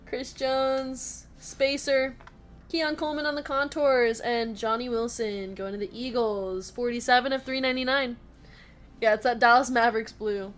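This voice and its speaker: High-voiced woman hosting a card-break stream. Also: steady tone, moderate pace. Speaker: host of a live sports card break stream. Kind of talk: casual live-stream chat while opening card packs.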